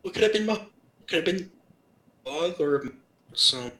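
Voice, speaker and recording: A man playing in a tabletop roleplay game over an online voice call that breaks up and cuts out, partially losing his voice, speaking quietly and trailing off mid-word. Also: high-pitched, expressive, a little slow. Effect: online voice call audio breaking up and cutting out. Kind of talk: in-character roleplay chat. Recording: echoey room, music underneath, broken call audio.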